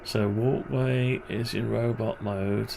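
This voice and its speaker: A man's voice: lowish voice, fairly even intonation, takes it slowly, gravelly, noisy background. A man presenting a programming tutorial, thinking aloud as he works and grumbling wryly to himself. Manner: muttering, wry grumbling asides. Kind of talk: thinking aloud while working on screen.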